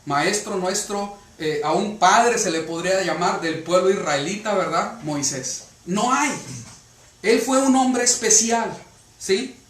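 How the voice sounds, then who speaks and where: A man's voice: high voice, slow pace. A man preaching a sermon to a congregation, often checking with rhetorical questions. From Mexico. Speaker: pastor. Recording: echoey room from a distance.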